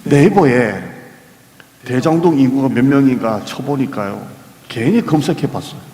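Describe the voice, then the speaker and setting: In a church sanctuary, a male pastor with a mellow, medium-pitched voice preaches at a moderate pace, expressive and emphatic, repeating key phrases and putting questions to the congregation. The echoey hall gives the recording a long reverb.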